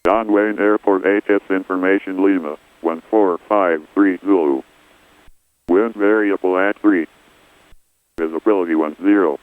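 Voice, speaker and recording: A man's voice reciting an airport weather broadcast in a measured, even way, heard over an aircraft radio. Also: low voice, no echo. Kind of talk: recorded airport information readout. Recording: tinny dry radio transmission.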